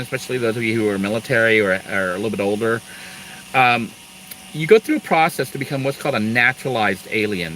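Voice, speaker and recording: Bright-voiced chatty middle-aged man. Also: on the low side, a little hiss or hum, low-quality recording. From Thailand. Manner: rambling, chatty, laughs between asides. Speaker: live-stream host, Air Force veteran. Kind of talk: casual live-stream chat.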